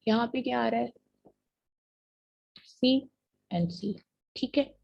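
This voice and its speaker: A woman's voice: a little high, gravelly. Patient woman lecturer with a Pakistani accent. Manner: patient, repeats checks like "theek hai ji" after each point; reads English definitions slowly and deliberately. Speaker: university lecturer. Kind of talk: classroom lecture mixing Urdu and English. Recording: muffled lo-fi lecture recording.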